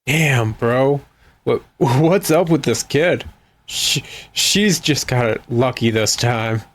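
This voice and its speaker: A man's voice: mid-range voice, slow pace. Man doing a cocky, slangy bandit henchman. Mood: rattled. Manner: slangy, swaggering. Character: cocky bandit henchman, dim swaggering thug saying bro. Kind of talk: video game dialogue read aloud.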